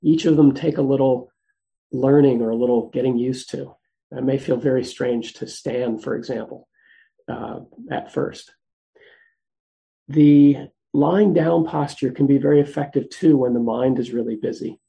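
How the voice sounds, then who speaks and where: Here a gentle, unhurried man leads meditation instruction, stopping often and using fillers as he walks through each posture. The recording quality is poor. His mellow, dark, low-energy voice roughens into gravel in its lowest notes, and his pace stays relaxed and patient.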